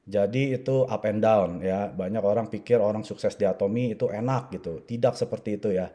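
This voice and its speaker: Man in his forties telling his story, dark voice. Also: lowish voice, brisk. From Indonesia. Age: 40s. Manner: conversational, frequent filler "ya" and "gitu". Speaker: network marketing speaker. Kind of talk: personal story talk to an audience.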